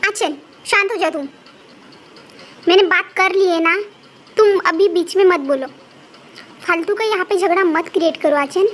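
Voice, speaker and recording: A woman voicing a gentle older sister who soothes and pleads with her brothers. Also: very high voice, normal speed, long pauses. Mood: calming. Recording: faint background noise.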